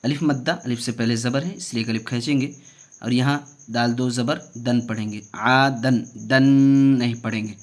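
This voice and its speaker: A man teaching Quran reading, spelling out each letter and vowel mark and repeating every syllable, stretching the example words and dropping softer for explanations. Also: medium pitch, fairly even intonation, a little fast. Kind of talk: slow spelled-out recitation lesson.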